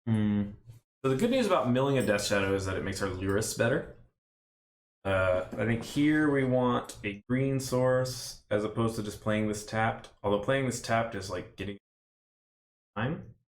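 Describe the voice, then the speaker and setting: A man's voice: lowish voice, expressive, moderate pace, echoey room, slight background noise. A man streaming a card game, thinking aloud in casual play-by-play commentary with rambling, self-mocking asides. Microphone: desk stream mic.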